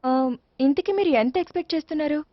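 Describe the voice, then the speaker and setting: An actress playing an eager, salesy marriage bureau agent. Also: female voice, sits high, quick pace, no echo, lo-fi sound, natural voice.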